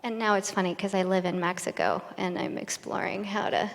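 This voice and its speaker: A woman investor speaking on a conference panel in a brisk, upbeat way. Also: medium pitch, steady tone, gravelly. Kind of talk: conversational panel talk. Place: conference stage in a large hall. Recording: long hall reverb.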